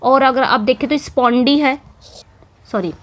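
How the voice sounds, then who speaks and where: High-voiced woman teaching English prosody. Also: measured pace, a bit bright. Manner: repetitive teacherly explaining with frequent "theek hai" and "okay" checks. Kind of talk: exam-prep lecture explaining poetic meter.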